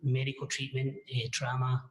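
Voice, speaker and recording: Testifying as a paramedic, a man speaks haltingly and hesitantly in a completely flat, mid-pitched voice. He's plain-spoken and pauses to search for words, and the recording echoes like a large courtroom.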